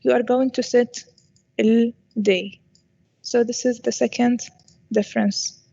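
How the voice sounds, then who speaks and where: Female teacher addressing a class, Arabic accent, slightly high pitch, muffled recording, frequent comprehension checks. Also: fairly even intonation, unhurried, gravelly, mellow, breathy edge. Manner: switches between English and Arabic, checks understanding often. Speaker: university programming lecturer.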